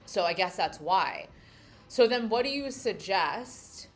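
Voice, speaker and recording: She's a young livestream host from New York City whose New York accent comes through as she talks casually with viewers and reflects on their comments aloud. Her mid-range voice is animated but slow-paced, and faint music sits behind it.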